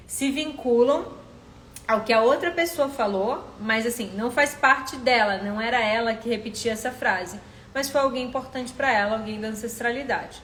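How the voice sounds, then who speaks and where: A woman therapist takes viewer questions live. She coaches and keeps asking the listener direct questions, in a fairly high voice. The room is echoey, with faint noise behind her. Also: fairly bright tone.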